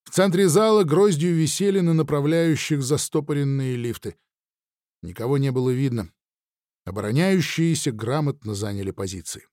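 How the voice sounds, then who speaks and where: A man narrating a sci-fi audiobook in the first person, with an expressive, dramatic delivery. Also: mid-range voice, moderate pace, no echo, studio quality.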